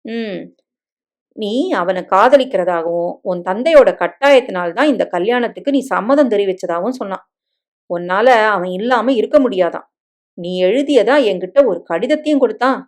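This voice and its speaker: A woman voicing a devoted young husband in a dramatic story reading, soft and coaxing in manner. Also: fairly high pitch, natural voice.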